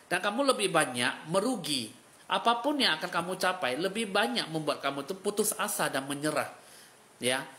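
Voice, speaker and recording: A man's voice: fairly high pitch, bright, forceful tone. A man giving a live fortune reading as a spiritual fortune-teller, in a dramatic, pitying and emotional way.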